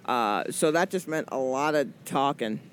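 With a rumbling low voice, this animated woman takes her time, speaking over slight background noise. She's a comedian in her forties from Atlanta in the US South, rambling and joking with lots of fillers as a guest in a casual interview chat.

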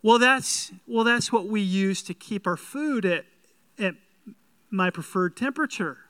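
A flustered modern homeowner, played by a man proudly explains things. The voice is high and crisp, halting and eager, in a sermon skit. It is recorded dry. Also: fairly bright tone, no echo.

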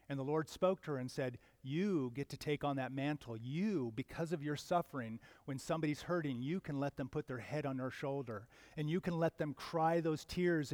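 A man in his mid-fifties delivers a sermon with a somewhat high-pitched voice. He talks like he is chatting, then swells loud to drive a point home. The sound is dry and close, with no room echo. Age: 50s. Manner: earnest, conversational preaching with sudden loud emphatic swells. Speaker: pastor.

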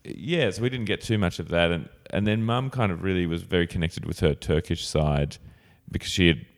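An Australian man chats informally as an interview guest. His voice sits low, with plenty of fry and gravel in it. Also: fairly quick. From Sydney, Australia. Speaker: improv actor, podcast guest. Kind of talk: casual chat. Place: improv theatre performing room.

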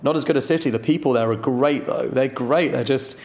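A man's voice: mid-range voice, brisk, a little mellow. Startup founder, male, 30s, frank and loose, casual swearing. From London. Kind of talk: casual interview chat.

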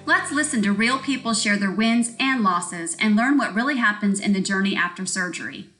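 A woman's voice: medium pitch, lively intonation, normal speed, a bit bright, soft background music. A woman hosting a podcast, upbeat and welcoming as she introduces her guest. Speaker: podcast host and personal trainer. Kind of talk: podcast interview.

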